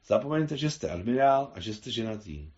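A man's voice: mid-range voice, very animated, a little mellow, lo-fi sound, natural voice. Man reading as an insistent theatre director. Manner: coaching, insistent.

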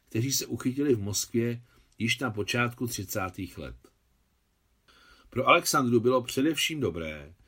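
A man narrating a novel aloud as an audiobook, in a measured literary reading. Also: fairly low pitch, fairly bright tone. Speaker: translator reading his translation.

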